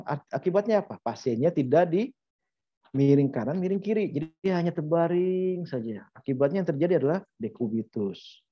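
Man, middle-aged, medical lecturer, chatty anecdotal teaching, slightly dull lo-fi sound. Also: mid-range voice. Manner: conversational, uses anecdotes and rhetorical questions. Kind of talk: informal university lecture.

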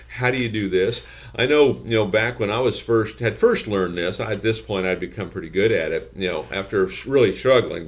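A lower-pitched man in his sixties talks straight into a desk webcam in his office. He coaches earnestly and keeps circling back to repeated phrases. His speech is steady and full of "you know" fillers. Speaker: gym business consultant. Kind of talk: direct-to-camera advice talk. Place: office with bookshelves, indoors.

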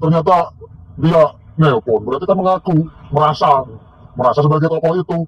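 Vlogger, male, middle-aged, husky, sneering and taunting, self-shot outdoors, muffled lo-fi sound. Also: fairly high pitch, brisk. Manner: mocking, scornful, taunting with laughs. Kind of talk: casual rant to camera. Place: outdoors by a tree near a corn field. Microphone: self-recorded on a handheld camera or phone.

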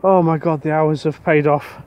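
A British man, a metal detectorist, giving casual commentary to the camera outdoors on a beach as he digs up each find and gets excited about it. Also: fairly high pitch, measured pace, dull audio.

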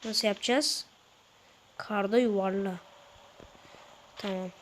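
Woman, gaming commentary, slightly sick, chatty, mid pitch, noisy recording. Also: steady tone, takes it slowly. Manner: chatty, talks to viewers while playing. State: slightly ill. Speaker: gaming YouTuber. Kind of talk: casual gameplay commentary.

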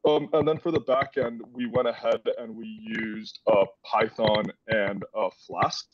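A man in his twenties from the Dominican Republic casually presents a student project on a video call, filling his speech with lots of "like." His voice is fairly low and steady, a little slow. He's on a headset, and the call audio sounds dull and distant.

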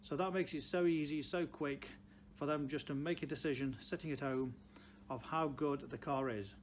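Speaking at a moderate pace in a fairly high voice with fairly even intonation, a car dealer in his sixties delivers unscripted, plain-spoken advice to camera. He comes from Stoke-on-Trent, England, carries a Potteries accent, and hammers points home with repeated phrases. Background noise of the large indoor showroom is clearly audible.

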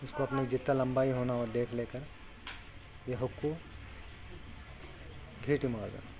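Speaking a little slowly, this man keeps a steady tone at medium pitch as he casually explains, step by step, how to tie fishing hooks while working on them. He makes fishing tutorials and sounds plain and instructive, talking through the knots as he ties them. The clear recording carries insect sounds in the background.

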